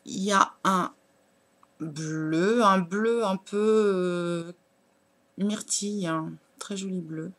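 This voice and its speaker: A woman's voice: mid-range voice, slow, a bit bright. A woman, chatting casually as a beauty blogger while unboxing nail products, with lots of hesitant fillers. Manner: chatty, many fillers, shows products to camera.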